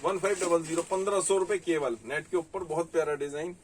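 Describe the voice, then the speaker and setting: A man's voice: fairly high pitch, fast talker, distant mic, slight background noise, low-quality recording. A man with a Delhi Hindi accent who runs a saree shop, chatting casually as he shows garments and reads out prices and sizes. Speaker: saree shop owner selling online. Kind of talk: casual sales talk showing garments.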